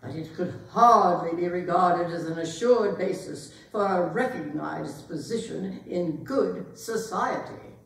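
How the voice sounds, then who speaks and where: A woman's voice: lowish voice, measured pace, creaky, few pauses. A woman playing a haughty, imperious older aristocratic lady in a staged period comedy reading, pompous and emphatically disapproving. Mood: stern disapproval. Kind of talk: theatrical readers' theatre performance of a period comedy. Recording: echoey hall, distant microphone.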